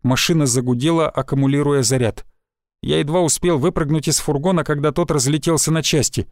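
A man's voice: fairly high pitch, fairly even intonation, brisk, dry recording, studio quality. Man narrating a sci-fi audiobook. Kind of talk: scripted first-person narration.

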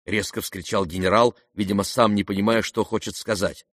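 A man narrating a classic novel as an audiobook, expressive and measured. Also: lowish voice, no room sound, studio quality.

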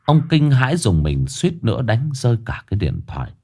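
A man narrating a ghost story in a dramatic, expressive way. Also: mid-range voice, moderate pace.

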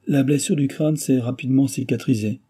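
A man voicing a wounded, weary novelist who speaks quietly. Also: mid-range voice, a little fast, slightly rough, pitched above the performer's own voice, close to an everyday voice. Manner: quiet, subdued.

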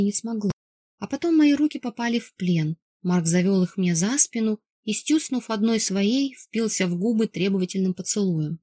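Woman reading a racy novel out loud, wry, dry close mic. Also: medium pitch, husky, dry recording. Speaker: audiobook narrator. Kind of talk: first-person novel narration.

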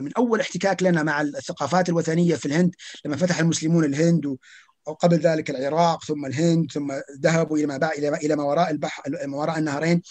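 A man's voice: on the high side, a little mellow. A man, speaking as an academic guest on a podcast, arguing emphatically with rhetorical questions and stumbling restarts. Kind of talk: podcast conversation.

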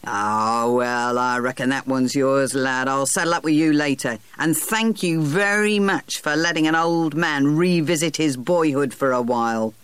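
A man voicing Sir Harry, a hearty, coarse-spoken older self-made boss with a blunt, gruff manner. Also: medium pitch, measured pace, hardly any pauses, fairly bright tone, no echo, lightly acted. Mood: eager.

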